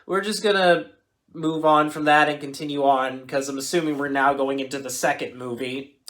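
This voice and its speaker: A woman's voice: sits low, fairly even intonation, normal speed, a bit bright. A woman hosting a reaction video with casual, chatty, tentative commentary that often corrects itself.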